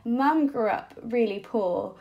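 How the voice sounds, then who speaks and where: A woman's voice: on the high side, slow, lo-fi sound. A woman, a podcast guest recalling her childhood in a reflective, hesitant way with many fillers. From Singapore-born, raised abroad. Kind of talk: personal storytelling interview.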